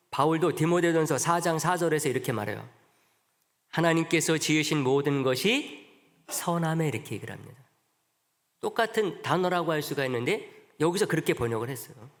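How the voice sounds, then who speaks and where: Male pastor mid-sermon, voice a touch high, rising to loud emphatic peaks and falling soft, heard in a reverberant sanctuary. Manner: rises to loud emphatic peaks, then drops low and soft; asks rhetorical questions of the congregation. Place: church sanctuary. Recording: long reverb of a church sanctuary.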